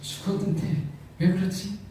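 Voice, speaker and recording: A male pastor giving a sermon, telling a story with rising emotion, repeating words and swelling loud on key lines. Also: high voice, steady tone, normal speed. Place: church sanctuary. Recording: echoey church hall from far off.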